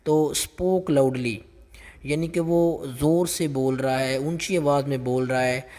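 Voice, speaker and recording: Flat-voiced man explaining exam English. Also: medium pitch, long reverb tail. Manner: repetitive, reads English examples slowly. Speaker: test prep teacher.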